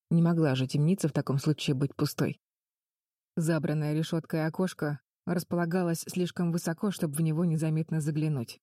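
Woman narrator, calm audiobook reading, low mellow voice, dry close sound. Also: dry recording.

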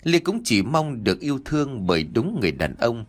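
A man narrating a dramatic audiobook story with an expressive, emotive reading. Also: medium pitch, brisk.

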